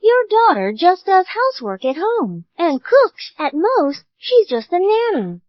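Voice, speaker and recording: A woman's voice: very high-pitched, wildly swooping pitch, a little slow, no room sound, exaggerated voice. A woman dubbing a sarcastic young woman from the groom's family who mocks the bride's mother. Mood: mocking. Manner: sarcastic, taunting. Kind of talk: English drama dub. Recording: dull dry studio dub.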